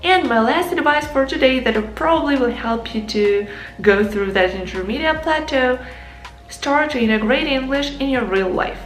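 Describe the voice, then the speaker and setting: This young adult English teacher and vlogger, a native Ukrainian speaker, has a high, expressive voice and a moderate pace. She offers earnest tips on learning English straight to the viewers, whom she calls "guys," in an echoey room where faint music plays.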